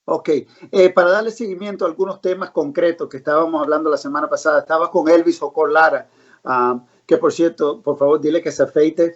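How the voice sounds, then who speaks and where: A woman's voice: sits low, slightly rough. A woman hosting a live online interview, asking questions in an upbeat, chatty way. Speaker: host. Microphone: video call. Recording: dull lo-fi live-stream audio.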